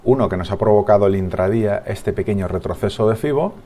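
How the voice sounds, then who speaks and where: A man's voice: fairly low pitch, quick pace, mellow. A man with a Spanish accent from Spain, giving a market analysis over charts as a trading analyst, thinking aloud with frequent restarts and tag questions.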